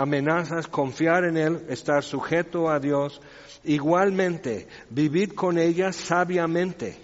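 A man preaching a sermon in a conversational way with wry asides, recorded in a church hall. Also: on the high side. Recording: reverberant hall, dull lo-fi sound.

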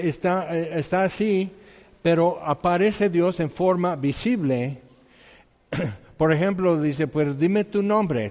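A man's voice: fairly high pitch, darkish tone. A man giving an informal Bible teaching in a conversational way, asking his listeners questions and chuckling now and then. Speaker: preacher. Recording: dull sound with long hall reverb.

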